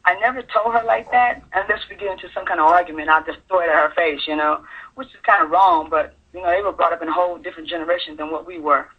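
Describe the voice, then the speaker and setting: A woman calling in to a radio show, telling her personal story in a halting, earnest way. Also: low-pitched, steady tone, slightly rough. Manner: halting, earnest, full of fillers. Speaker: caller sharing her story. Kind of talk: personal testimony on call-in radio. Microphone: telephone. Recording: tinny phone line.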